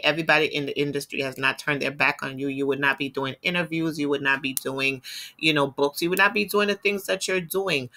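A woman's voice: sits low, bright, forceful tone. A woman hosting a celebrity gossip show, telling the story in a chatty, opinionated way, full of "you know" fillers. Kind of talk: casual gossip commentary.

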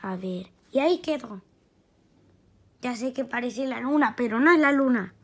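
A woman's voice: on the high side, moderate pace, breathy edge. A woman chatting playfully while drawing, muttering to herself as she works. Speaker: channel host. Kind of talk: casual chat while drawing.

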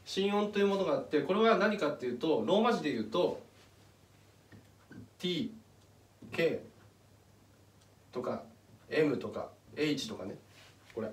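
In an animated voice on the high side, a male channel host gives a casual step-by-step explanation at a measured pace, pausing often. He points things out on a chart as he talks. The mic is distant and the room is echoey.

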